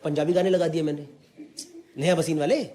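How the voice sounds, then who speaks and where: A man from the Delhi area doing a stand-up comedy set, telling an animated story in mixed Hindi and English and putting on voices for the people in it. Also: a little high, fairly quick. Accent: Delhi NCR Hindi. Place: live comedy venue with audience. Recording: echoey room, crowd laughter, background noise. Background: audience laughter.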